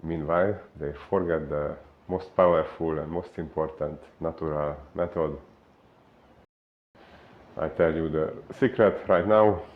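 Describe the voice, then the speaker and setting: A man from Hungary with a Hungarian accent, a fitness coach giving an unhurried explainer talk full of filler pauses. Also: rumbling low, steady tone, narrow, tinny audio.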